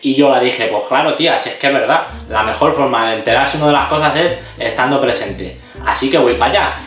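Man, animated exaggerated storytelling, echoey kitchen, distant mic, music behind. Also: medium pitch, brisk. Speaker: cooking channel host. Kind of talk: casual storytelling to camera. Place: home kitchen.

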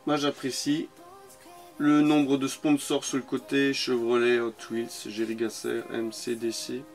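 A man's voice: medium pitch, completely flat delivery, measured pace, soft background music. A man with a French accent giving casual, enthusiastic commentary on toy cars from his collection, often repeating words for emphasis. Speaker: toy car collector vlogger.

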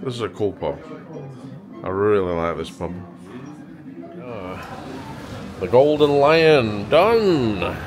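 A man in his forties, a travel vlogger, walks between pubs filming himself at arm's length with a handheld camera, chatting casually and upbeat as he points things out in pubs and on town streets. His low voice is animated but slow, with frequent pauses, and music plays in the background.

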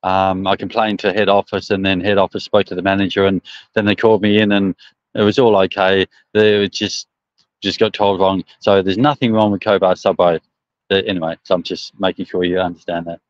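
A man's voice: sits low, flat delivery, brisk, dry recording. A middle-aged man with a broad Australian accent chatting casually on a livestream outdoors, rambling and hesitant in colloquial language. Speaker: truck driver livestreaming. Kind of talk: casual live chat answering viewer comments. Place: outdoors on a service station forecourt. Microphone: phone propped at about arm's length. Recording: dull, slightly muffled phone livestream.

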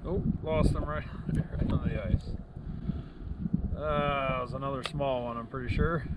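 Man vlogging ice fishing in loud wind. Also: mid-range voice, measured pace. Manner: relaxed, talks to camera while fishing. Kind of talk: casual outdoor commentary. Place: outdoors on a frozen river slough. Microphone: action camera on the ice. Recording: loud wind noise outdoors.

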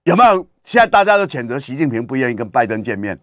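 A fast-talking man with a medium-pitched voice hosts a radio talk show, recorded dry and clean in the studio. His political commentary is an opinionated, emphatic monologue, lively with rhetorical questions and impersonations of the people he quotes.

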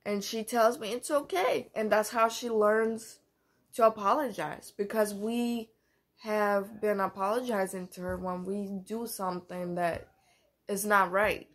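A young woman vlogging about motherhood in a casual, candid way, with many fillers and pauses. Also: mid-range voice, steady tone. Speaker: mom vlogger. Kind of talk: casual vlog talk.

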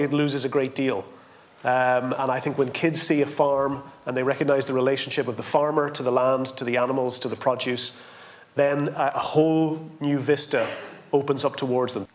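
A man's voice: mid-range voice, steady tone, normal speed. An older man, making emphatic points on a conference panel and repeating words for stress. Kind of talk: panel discussion. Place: indoor conference stage.

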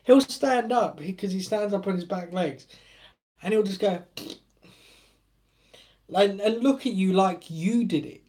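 A British host chats on a live stream in a loose, joking way, often breaking into laughter. His delivery is slow and unhurried, and his voice has a mellow, soft-edged tone. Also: high voice. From United Kingdom. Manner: jokey and joshing, laughing often. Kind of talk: casual live-stream chat.

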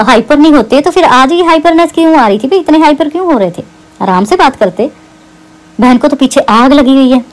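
A woman's voice: sits high, a little mellow, rough recording. A woman YouTuber, delivering a heated, mocking rant to camera against a rival and repeating her jabs.

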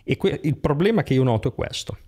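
Italian man, mid-pitched, animated talker who acts out quotes; casual chat guest. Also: fast talker. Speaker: guest, online entrepreneur. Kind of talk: casual podcast conversation.

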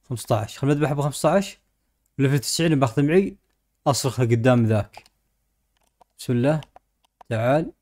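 A man with a Gulf Arabic accent hosts a gaming video in a medium-pitched voice. He comments casually on what he is doing, speaking informally to himself and to the animals in the game. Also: expressive, fast, long pauses, darkish tone.

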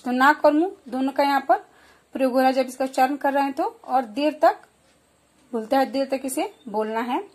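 A woman giving a slow, clear children's lesson, explaining and repeating example words. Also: sits high, darkish tone. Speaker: primary school teacher.

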